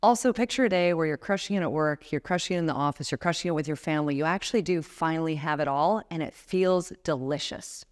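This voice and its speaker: A woman's voice: deep voice, quick pace, few pauses. A woman in her thirties giving a motivational talk as a guest speaker, emphatic and building to passionate appeals. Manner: emphatic, rising to passionate exhortation. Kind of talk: motivational talk to a live audience.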